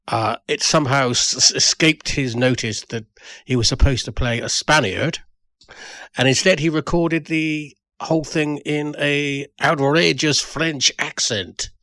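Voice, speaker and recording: A man's voice: mid-range voice, unhurried, a bit bright, dry recording. A man reminiscing about a fellow performer in a tribute, talking with many hesitations and restarts. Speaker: audio drama writer.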